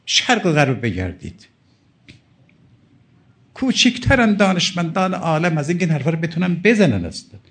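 A man's voice: a little high, very animated, long pauses, fairly bright tone. Emphatic preaching man. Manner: emphatic, pleading, quotes Arabic texts. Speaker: cleric preacher. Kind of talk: religious sermon lecture.

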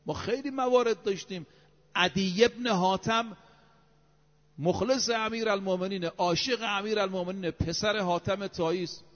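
A male preacher giving an emphatic sermon, reciting Arabic scripture and counting off his points one by one. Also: sits high. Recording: dull lo-fi recording with long hall reverb.

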